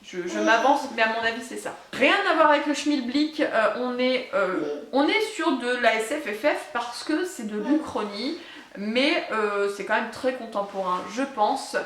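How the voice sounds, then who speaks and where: A woman with a fairly high voice chats casually about her reading plans, often pausing on fillers. Her voice rings a little in an echoey room. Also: fairly bright tone, a little hiss or hum. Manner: chatty, many hesitations. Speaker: book vlogger. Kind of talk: casual book haul chat.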